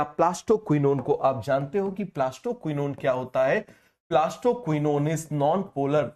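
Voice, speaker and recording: A man teaching a biology class, unwell with a fever, who keeps asking questions and repeating the answers slowly. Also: on the high side, a little mellow. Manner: call-and-response questioning, repeats key terms slowly. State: feverish, speaking slower than usual. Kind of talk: online class lecture.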